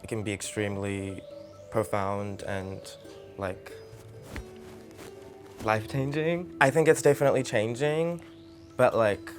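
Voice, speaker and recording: A man's voice: on the low side, steady tone, measured pace, pauses often. A man, speaking earnestly and reflectively in an interview. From New Zealand. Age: 20s. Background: music.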